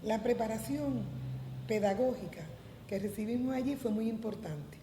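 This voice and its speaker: Older Cuban woman recalling, echoey. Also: fairly high pitch. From Cuba. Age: 70s. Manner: measured recollection with frequent hesitant "eh" fillers. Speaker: interviewee, former volunteer teacher. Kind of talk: documentary interview testimony. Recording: roomy echo with noise.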